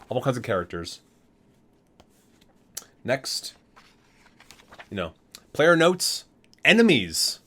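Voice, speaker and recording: This is an ASMR read-aloud by a man hosting a video, his voice medium in pitch and fairly bright. Working through a game book, he alternates scripted text with offhand comments and often stumbles, backs up, and corrects himself.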